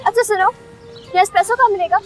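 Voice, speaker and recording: A woman's voice: very high voice, fast talker, music in the background. An actress playing a spoiled, dramatic young newlywed wife in a TV drama, demanding and dropping English words into her talk. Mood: fussy. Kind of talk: TV drama acting.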